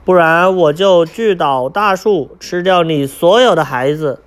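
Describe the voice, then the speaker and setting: A man's voice: on the high side, unhurried, close to an everyday voice. A man voicing a cruel, sly male fox who threatens in a storybook reading. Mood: menacing. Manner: menacing, threatening.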